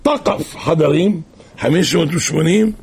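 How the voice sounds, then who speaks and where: A husky-voiced man preaches a moral story, telling it in an animated storytelling style with wide swings in pitch.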